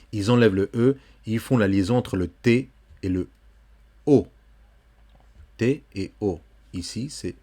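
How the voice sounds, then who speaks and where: Slow, patient male French teacher. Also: fairly low pitch, a little mellow. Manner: slow, patient, reads line by line and explains each sound; addresses the learner informally, checks with "ok?". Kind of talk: pronunciation lesson, reading a poem aloud.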